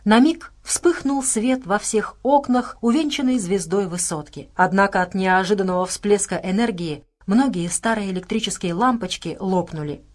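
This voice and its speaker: A woman reading an audiobook as its narrator, in a steady, measured way with dramatic stresses. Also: medium pitch. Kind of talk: scripted narration.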